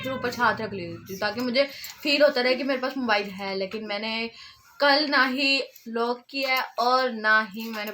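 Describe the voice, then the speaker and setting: A woman's voice: high-pitched, pushed and bright, slight background noise. A woman with a Saraiki accent telling her vlog viewers a rambling story, emotional and half laughing, half tearful. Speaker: vlogger.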